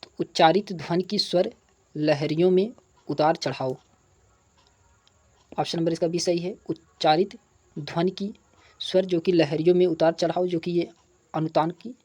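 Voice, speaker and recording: A man teaching an exam prep lesson. He reads each past question, then states and repeats the answer and explains it, spelling out sounds and examples slowly. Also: fairly high pitch, fairly even intonation, darkish tone.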